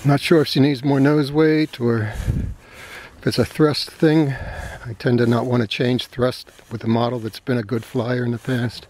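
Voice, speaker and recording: A man giving relaxed running commentary while flying a model plane outdoors, thinking aloud with fillers. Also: mid-range voice, normal speed. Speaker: model aircraft flyer. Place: open grassy field outdoors.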